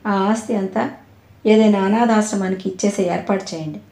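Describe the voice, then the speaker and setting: A withdrawn, grieving young woman speaks in a soft, subdued storybook voice, as a woman narrator reads her lines. Her tone is mellow and warm. The recording carries a roomy echo. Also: medium pitch, fairly even intonation, a little fast, lightly acted. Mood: resolute.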